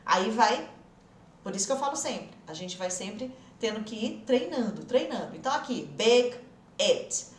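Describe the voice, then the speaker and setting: A woman with a fairly high voice leads an online English pronunciation lesson, coaxing learners and repeating each word slowly so they can practice. Her voice rings in an echoey room with a faint hum of ambience behind it. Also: expressive. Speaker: English teacher.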